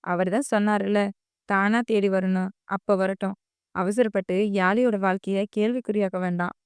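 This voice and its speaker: A woman's voice: mid-range voice, fairly even intonation, moderate pace, clear, resonant tone, no echo, clean studio sound, close to an everyday voice. A woman voicing a firm older aunt. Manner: firm, reassuring.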